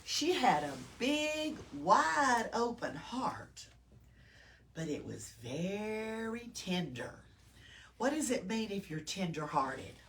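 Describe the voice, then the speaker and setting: Recorded from a distance with audible room noise, this library storytime features a woman with a Southern US accent reading a picture book to children. Her pitch is medium and her delivery expressive, and she pauses to pose questions to the kids.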